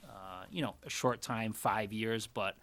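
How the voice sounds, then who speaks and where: A man from Connecticut answering interview questions in an earnest, measured way as a job candidate. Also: on the low side, a bit bright. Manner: earnest, measured, thinks aloud. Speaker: job candidate for town manager.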